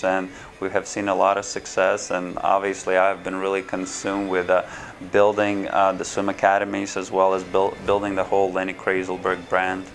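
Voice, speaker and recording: Seated in a small office and framed at chest height, a swim school owner from Ukraine, a man in his 30s, answers interview questions to the camera. He has a flat, low voice and hesitates a lot, using fillers and restarting often. The audio quality is poor.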